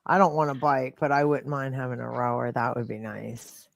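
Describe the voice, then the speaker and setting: A woman's voice: extremely low pitch, level tone, normal speed, gravelly, no room sound. A woman hosting a podcast in casual chat, asking eager, chatty questions. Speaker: podcast host.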